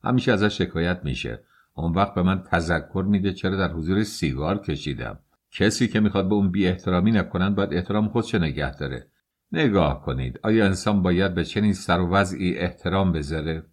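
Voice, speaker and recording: A man voicing an angry, bullying police officer who scolds harshly. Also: low-pitched. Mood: contemptuous.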